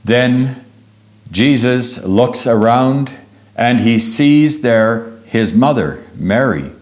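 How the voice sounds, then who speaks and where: A man preaching a sermon, retelling a Bible story slowly and deliberately, with frequent hesitant pauses and heartfelt exclamations. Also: mid-range voice, lively intonation, a little mellow.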